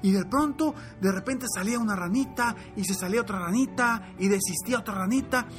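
Brief: animated coach, very high voice, spinning a motivational fable. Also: male voice, fairly quick, music in the background. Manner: animated, repetitive storyteller. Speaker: motivational coach and podcast host. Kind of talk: motivational storytelling.

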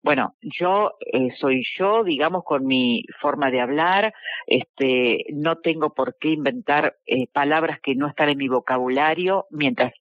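A woman's voice: deep voice, measured pace, no room sound. A woman with an Argentine accent, a football commentator answering interview questions in a confident, reflective way. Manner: confident, reflective, frequent "este" fillers. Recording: dull lo-fi dry sound.

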